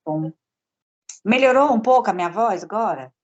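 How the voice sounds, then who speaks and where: A woman speaks on speakerphone during an online group call, her quiet, soft voice carried through slightly dull, lo-fi call audio. She sounds chatty and teases herself about the technology. Her pitch sits in a middle register. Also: expressive, moderate pace, slight background noise. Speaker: online group meeting coordinator. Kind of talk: casual video-call chat. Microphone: phone on speakerphone in a video call.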